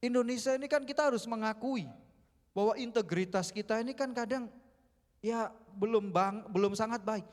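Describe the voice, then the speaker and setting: A young man with a high voice preaches a lively sermon, mixing jokes with questions he puts to the congregation. His voice rings through a church hall with a long echo. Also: normal speed. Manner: joking, asks the congregation questions. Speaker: youth mentor and preacher.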